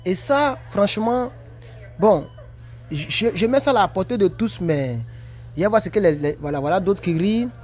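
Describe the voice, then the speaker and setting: Animated man vlogging on a break. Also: high-pitched, normal speed. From Ivory Coast. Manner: animated, repetitive, preachy. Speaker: vlogger reacting to comments. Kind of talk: casual commentary. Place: at work on a break.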